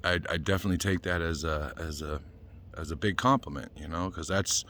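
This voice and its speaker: Slightly out of breath from a run, a fifty-something vlogger from Boston talks casually to camera in his Boston accent, padding his rambling with "you know." His low-pitched voice is brisk and a bit bright, with slight noise in the background.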